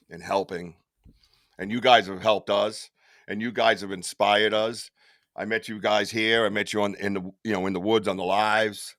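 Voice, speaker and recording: A man hosting a casual live stream, chatty and excitable, laughing often and swearing casually. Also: on the low side. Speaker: podcast host on a live stream.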